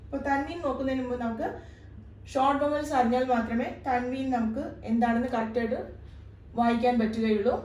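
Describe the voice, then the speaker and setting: Patient woman tutoring, slightly high, echoey. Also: fairly even intonation, darkish tone, far from the mic. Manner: patient, repeats each point slowly. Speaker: Arabic tutor. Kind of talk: step-by-step lesson. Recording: echoey room, somewhat off-mic.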